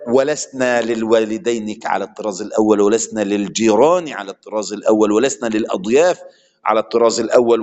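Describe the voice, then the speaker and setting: Male preacher, Egyptian accent, low voice, rapid impassioned sermon, long hall reverb. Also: darkish tone, muffled recording. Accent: Egyptian Arabic. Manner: impassioned, switching between classical and colloquial speech.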